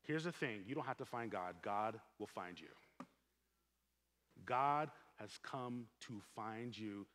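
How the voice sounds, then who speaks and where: A man preaching a sermon as pastor, earnest and emphatic, swelling on key points and dropping soft at the ends of phrases. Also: fairly low pitch, lively intonation, takes it slowly. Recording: long hall reverb.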